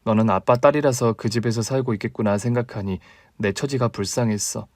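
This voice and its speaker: A man voicing a caring older sister in a radio drama reading, calm and consoling in a low, quiet tone. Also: fairly quick, no room sound, studio quality, lightly acted. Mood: somber. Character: young woman, steady caring older sister.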